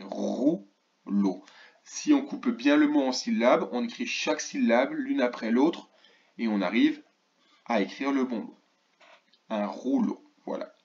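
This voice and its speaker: Guy teacher doing a home video lesson for little kids, slow careful words, kinda dull lo-fi sound. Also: mid-range voice. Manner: slow, clearly articulated, stretches key words; asks questions of an absent class. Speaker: primary school teacher. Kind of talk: remote lesson for first graders.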